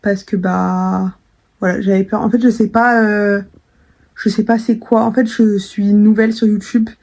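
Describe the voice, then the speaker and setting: A woman's voice: medium pitch, flat delivery, unhurried, creaky, darkish tone. A young woman chatting casually to camera in a vlog, full of fillers and restarts. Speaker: vlogger.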